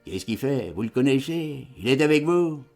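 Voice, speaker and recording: A man's voice: mid-range voice, big pitch swings, moderate pace, darkish tone, faint music behind, pitched above the performer's own voice. A man reading aloud voices a brusque policeman firing off curt demanding questions.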